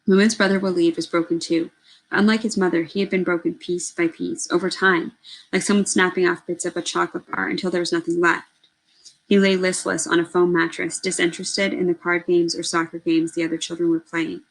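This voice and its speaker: A woman reading a novel aloud in an expressive, earnest way, with occasional self-corrections. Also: fairly low pitch, brisk, rough recording. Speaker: reader.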